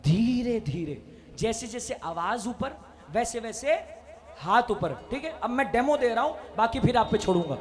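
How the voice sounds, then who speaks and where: A man, a bhajan singer leading a live devotional crowd, energetic and chatty as he coaxes people to call back and bursts into shouts on a stage mic. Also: very high voice, moderate pace. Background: devotional band music.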